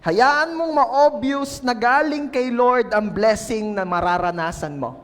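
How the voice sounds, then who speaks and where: A man's voice: very high-pitched, slow pace, a bit bright. A male pastor preaching a playful sermon and coaxing the congregation to answer, in a reverberant church hall.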